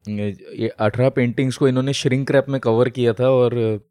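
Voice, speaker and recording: A man's voice: medium pitch, steady tone, normal speed, dark tone, no echo, clean studio sound. A man co-hosting a casual podcast, explaining at length with many fillers and English phrases mixed in. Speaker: podcast co-host. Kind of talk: casual chat.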